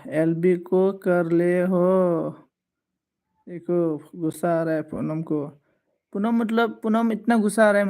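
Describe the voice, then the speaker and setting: A man with a high voice chats casually on a live stream, taking his time over each word. He greets viewers one by one and teases them playfully as he reads out their comments. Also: darkish tone.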